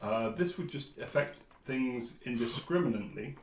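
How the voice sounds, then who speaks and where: An English man narrating a tabletop game in an echoey room. His delivery is calm but moves lively in pitch, and faint noise runs behind him. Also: normal speed. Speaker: game master.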